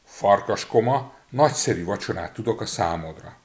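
Man voicing a tiny clever boy, shrill and daring, storybook. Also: lively intonation, close to an everyday voice. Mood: scheming. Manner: shouting high and loud.

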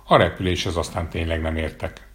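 A man's voice: sits low, fairly even intonation, a bit bright. Cocky little tailor voiced by a man. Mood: cheeky. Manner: bragging, breezy. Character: boastful clever little male tailor, cocky.

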